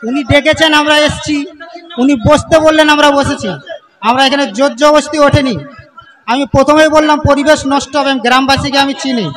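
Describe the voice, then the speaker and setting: A man's voice: extremely high pitch, steady tone, brisk, a bit bright, soft background music. A man defending himself in a religious debate, explaining why his side came.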